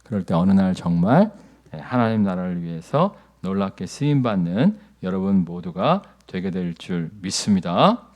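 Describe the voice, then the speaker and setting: Emphatic middle-aged pastor preaching. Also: male voice, sits low, normal speed. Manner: animated, rising to loud emphatic repetition; asks the congregation for responses. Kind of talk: lively conversational sermon. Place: church sanctuary.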